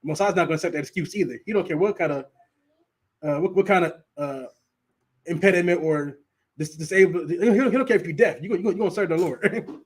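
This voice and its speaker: Teaching scripture informally at a Sabbath class, this man talks to his students directly and laughs a lot. His voice is high and quick with a breathy edge, and he stutters, repeating words.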